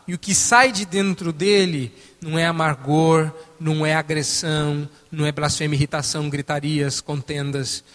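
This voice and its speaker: A man preaching a sermon, emphatic and animated, swinging between loud stresses and soft asides. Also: sits high, in a large hall.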